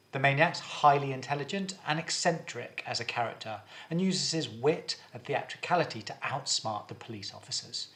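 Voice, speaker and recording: A male drama teacher explains vocal technique in a clear, instructive way. He leads his students step by step through warm-ups and exercises, at a medium pitch. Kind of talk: video lesson.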